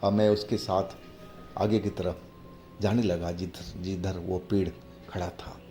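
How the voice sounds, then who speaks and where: A man telling a horror story in the first person, halting and hushed. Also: low-pitched, little pitch movement, a little hiss or hum. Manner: slow, halting, hushed retelling. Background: faint music.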